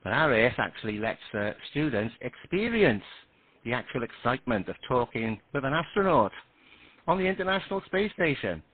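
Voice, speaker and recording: A husky man talks as a guest on an amateur radio net, explaining things with a lively, up-and-down delivery and reading out call signs. The sound is thin and tinny, like a radio link. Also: medium pitch, normal speed, no echo. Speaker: guest panellist. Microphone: radio transceiver.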